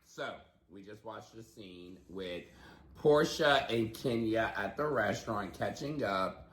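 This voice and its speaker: A man co-hosting a reality TV recap podcast, recapping scenes in an even, agreeable way. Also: fairly low pitch, takes it slowly, roomy sound. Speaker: podcast co-host. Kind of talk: casual gossip chat.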